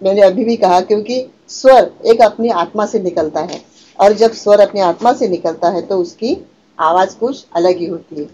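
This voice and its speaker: A woman's voice: mid-range voice, mellow, muffled recording, a little hiss or hum. A woman teaching an online language class, patiently explaining and repeating key words, often asking a question and answering it herself. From Maharashtra, India. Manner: chants meter and recites verse lines slowly. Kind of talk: online Hindi class lecture.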